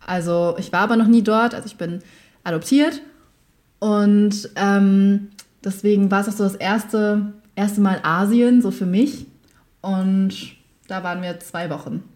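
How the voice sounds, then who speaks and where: A woman's voice: mid-range voice, steady tone, unhurried, a little mellow. Hesitant teenage girl guest. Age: teens. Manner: hesitant, thoughtful. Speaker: podcast guest. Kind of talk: casual chat.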